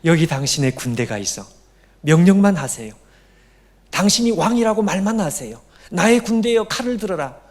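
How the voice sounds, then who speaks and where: A man voicing an anguished male disciple who pleads with his master, slow and imploring. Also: high-pitched, animated. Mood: urgent.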